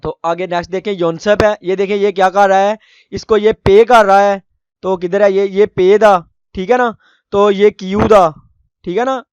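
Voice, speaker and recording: A man with a high, smooth voice teaches a language lesson. He sounds out foreign words slowly and repeats them, and he keeps checking in with his listeners. The recording is dry and close. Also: fairly even intonation, a little mellow, dry recording, lo-fi sound. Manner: frequent checking-in tag phrases. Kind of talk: explaining a lesson.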